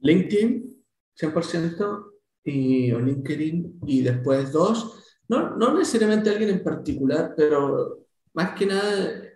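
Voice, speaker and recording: A man from Chile, a guest consultant talking in a casual interview, animated and talkative. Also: on the high side, slow pace, echoey room. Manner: animated, talkative, many restarts. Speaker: guest, SAP SuccessFactors consultant.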